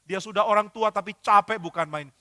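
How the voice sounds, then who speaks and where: High, bright-voiced preacher man. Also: fairly quick, long reverb tail. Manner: animated storytelling, switching into character voices. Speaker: pastor. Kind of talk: sermon with acted-out stories.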